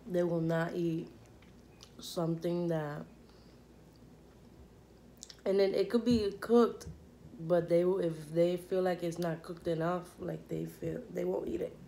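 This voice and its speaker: A woman's voice: lowish voice, fairly even intonation, takes it slowly, vocal fry, pauses often, warm tone, slight background noise. A young woman chatting casually while eating on camera, rambling with lots of fillers and talking with her mouth full. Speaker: vlogger.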